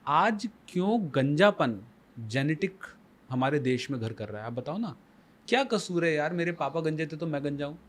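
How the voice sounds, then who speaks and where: A man's voice: a little high, animated, normal speed. A man as the guest life coach on a podcast, explaining emphatically with rhetorical questions and mixing Hindi with English phrases. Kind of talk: podcast conversation.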